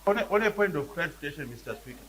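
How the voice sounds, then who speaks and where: A man with a Zimbabwean accent, a member of parliament making a point of clarification, halting and repeating words. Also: a little high, animated, a bit bright, a little hiss or hum.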